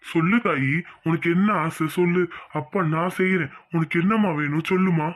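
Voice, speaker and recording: Doting middle-aged village father in a cartoon. His high voice frets anxiously over his daughter in rustic country talk. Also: moderate pace. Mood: tender. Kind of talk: cartoon voice acting.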